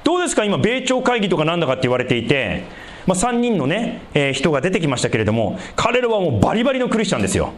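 A man preaching a sermon, asking the congregation rhetorical questions and swinging between loud emphasis and hushed low passages. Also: very animated, rapid-fire. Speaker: pastor.

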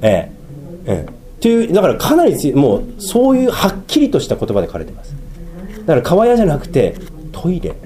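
A man preaching a sermon. He drags out key phrases slowly for emphasis, then rushes through asides and sometimes laughs at himself. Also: fairly high pitch, a crowd in the background. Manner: animated, swings between slow emphatic phrases and quick asides, laughs at himself. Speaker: pastor.

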